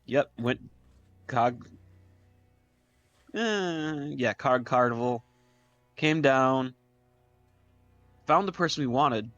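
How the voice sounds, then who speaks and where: Male player, slow, dry and slightly muffled sound, piecemeal delivery. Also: mid-range voice, lively intonation, fairly bright tone, dry recording, soft background music. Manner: halting, piecemeal recap. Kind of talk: recapping a tabletop game session.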